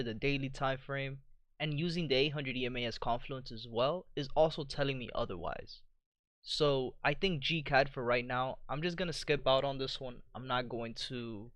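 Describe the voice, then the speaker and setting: A man hosting a live trading stream, walking through charts in a relaxed way and often checking in with "you know" and "right?". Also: medium pitch, dry recording. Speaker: trading livestream host. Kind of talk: live market commentary.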